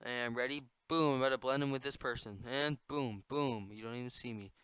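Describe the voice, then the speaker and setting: A young man giving goofy, excitable commentary while playing a computer game, prone to sudden yelling. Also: mid-range voice, brisk, smooth, no room sound, rough recording. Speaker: gamer. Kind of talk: gameplay commentary.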